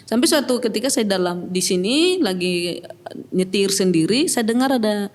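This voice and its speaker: Speaking at a moderate pace in an animated, mid-range voice, a middle-aged woman with a Batak accent, from Batak in North Sumatra, tells her life story on a podcast in relaxed conversation. She's reflective and halting, full of fillers and false starts, and the audio carries long reverb with faint background music.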